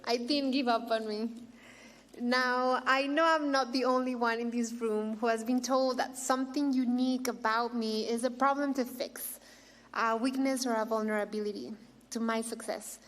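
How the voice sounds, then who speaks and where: Hosting an awards ceremony in a large hall, a middle-aged Mexican-accented woman works through a prepared speech sprinkled with playful asides. She speaks at a moderate pace with a fairly high pitch and fairly even intonation, and the hall's reverb lingers long.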